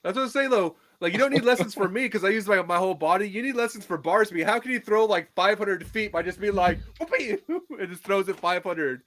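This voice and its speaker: An upbeat man in his thirties hosts a casual chat with a slightly high voice. He sounds enthusiastic and easygoing. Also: animated, fairly quick, few pauses, a bit bright. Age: 30s. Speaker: podcast host.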